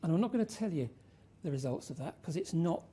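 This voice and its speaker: Very dark-toned woman presenting to an audience. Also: deep voice, lively intonation, fast talker. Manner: addressing an audience, rhetorical questions and emphasis. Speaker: conference speaker. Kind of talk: informal research presentation.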